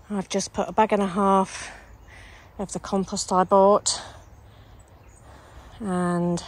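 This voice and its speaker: A middle-aged woman with a lowish, slightly croaky voice chats down-to-earth to camera while tending her vegetable plot. As an allotment gardening vlogger, she films on a phone camera held while walking around the allotment and back garden outdoors.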